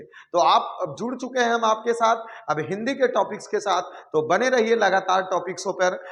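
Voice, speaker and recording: A man's voice: high-pitched, a bit bright. A man teaching Hindi grammar in a classroom lesson, asking questions and answering them himself and calling the viewer "babu". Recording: long hall reverb.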